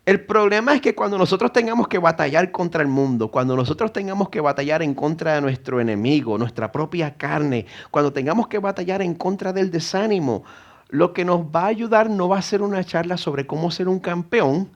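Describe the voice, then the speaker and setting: A middle-aged man with a Puerto Rican Spanish accent, originally from Puerto Rico, gives an earnest sermon in a church sanctuary, swelling into emphatic exhortation. His high-pitched voice is brisk with lively intonation, and the recording is muffled.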